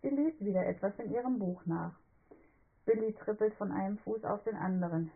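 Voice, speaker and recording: A woman narrating a children's story in an even, clear storytelling manner. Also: mid-range voice, moderate pace, phone-quality sound. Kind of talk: scripted children's story reading.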